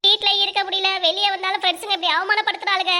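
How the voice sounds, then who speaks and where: A woman's voice: very high voice, level tone, rapid-fire, sharp tone, full character voice. A woman voicing a talkative young village woman in a cartoon, bantering in a southern Tamil Nadu accent with a playful, dramatic manner. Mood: teasing. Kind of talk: cartoon voice acting.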